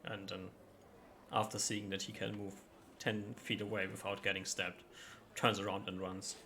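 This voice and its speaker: A man's voice: lowish voice, flat delivery, moderate pace, bright, forceful tone. A man casually narrating a tabletop role-playing game as its game master. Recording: faint background noise.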